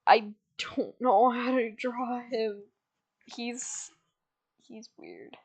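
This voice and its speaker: A woman's voice: a little high, big pitch swings, very slow, vocal fry, breathy edge. A woman streamer chatting casually while drawing, rambling through a loose retelling with fillers.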